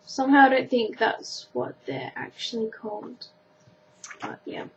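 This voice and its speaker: Very animated and a little slow, this high-leaning voice belongs to a teenage Australian vlogger, sixteen, working through a questionnaire. She talks to camera in a casual, informal way, often poking fun at herself. The audio is dull and lo-fi, with faint noise behind it.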